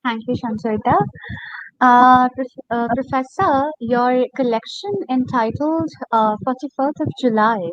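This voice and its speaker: Woman, interviewer, deliberate and hesitant, muffled dry lo-fi recording. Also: sits high, no room sound. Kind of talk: asking a prepared interview question. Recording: dull, dry, lo-fi audio.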